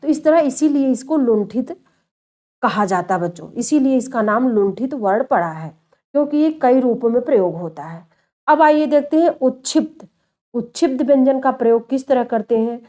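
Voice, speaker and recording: Female teacher, slightly high voice, mellow and dark, patient repeating explainer. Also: expressive, normal speed. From India. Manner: explains step by step and repeats key terms, addressing students as children. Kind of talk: classroom lecture.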